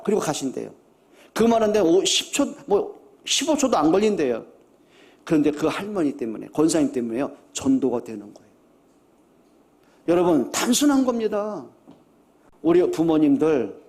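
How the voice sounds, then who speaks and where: A middle-aged man preaching a sermon as pastor, talking earnestly and conversationally, repeating his exhortations and moving between hushed and loud emphatic lines. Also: a little high, sing-song, normal speed.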